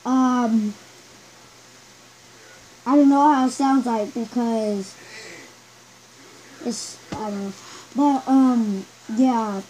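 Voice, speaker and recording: A woman reviewing gear while speaking through a gas mask, halting and unsure as she tries to talk louder. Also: a little high, fairly even intonation, a little hiss or hum, poor audio. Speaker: product reviewer. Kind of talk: casual product review.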